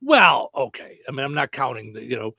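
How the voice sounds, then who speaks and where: A man's voice: mid-range voice, very animated, a little fast, vocal fry, pushed and bright, no room sound. A man hosting a radio show in a casual, chatty style. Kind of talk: casual radio banter and phone-in quiz.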